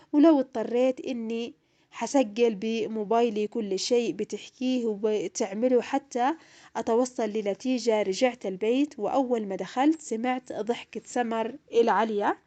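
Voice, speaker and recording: A woman's voice: fairly high pitch, dark tone. A young woman narrating her own painful story in the first person, in an emotional, plaintive way. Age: young adult.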